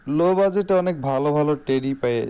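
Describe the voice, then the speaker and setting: A man's voice: on the high side, animated, fast talker, warm tone, clean tone. A man with a Bangladeshi accent giving an informal salesman's product showcase in voice-over, repeating key phrases for emphasis. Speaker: shop salesman.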